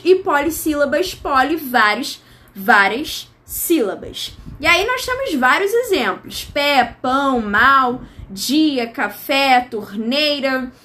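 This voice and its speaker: A woman's voice: sits high, pushed and bright. A Brazilian woman teacher giving an online grammar lesson in a chatty style, with asides and imagined student questions. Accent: Brazilian Portuguese.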